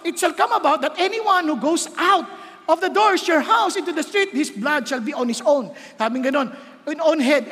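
High, bright-voiced preacher in a hall. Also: male voice. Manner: animated, rising to shouts, slows when reading scripture. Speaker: pastor. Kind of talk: sermon. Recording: long hall reverb.

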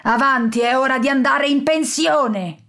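Lady doing a big pompous bully lord from a storybook, blustery and loud, kinda high. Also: a little slow. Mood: gloating. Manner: blustering, shouting threats.

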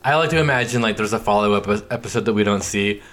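A young man co-hosting a podcast in casual chat, animated and quick to laugh, leaning on "like" a lot. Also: fairly low pitch. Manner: animated, laughs often, many "like" fillers. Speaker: podcast co-host.

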